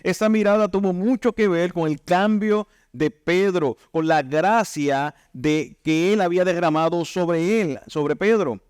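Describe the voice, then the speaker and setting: A man preaching a sermon as pastor, emphatic, firing rhetorical questions at the listeners and dropping low to read scripture. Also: unhurried, few pauses, a little mellow, clear, resonant tone, no echo, studio quality. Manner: emphatic, rising to punch lines then dropping low for scripture.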